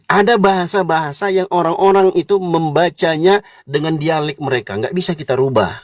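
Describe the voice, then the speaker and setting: A high-pitched man preaches in a combative, mocking tone, lecturing his opponents directly. The recording is dry and close, with no room around him. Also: a little fast, no room sound. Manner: combative, mocking, addresses listeners as "kau". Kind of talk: polemical religious lecture.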